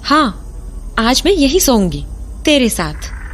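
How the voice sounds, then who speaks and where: A woman voicing a caring, worried mother in an animated story who often stammers anxiously. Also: high voice, slow pace, a little hiss or hum, full character voice. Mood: gentle.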